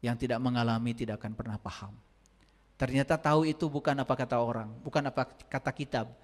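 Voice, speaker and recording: A male spiritual teacher giving a sermon, telling stories and moving from quiet asides to loud, emphatic points. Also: mid-range voice, fairly even intonation, quick pace. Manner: storytelling, swings from quiet asides to emphatic raised lines. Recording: long reverb, speaker set back from the mic.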